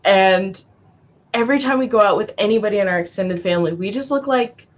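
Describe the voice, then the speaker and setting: A woman with a mid-range voice talks fairly quickly while co-hosting a live writing stream. Lively and full of jokes, she chats casually and reads viewer comments aloud.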